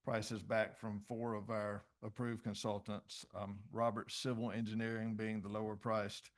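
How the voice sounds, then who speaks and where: A man, a city director, methodically presenting a project report at a public commission meeting with frequent pauses. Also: on the low side, little pitch movement.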